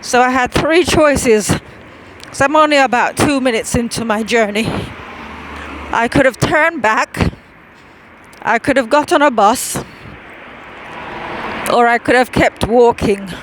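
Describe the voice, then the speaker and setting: A woman's voice: fairly high pitch, unhurried, long pauses, noisy background. A woman chatting casually while walking with ankle weights on. She talks in a rambling way with many fillers and restarts, and she is a little out of breath. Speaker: vlogger.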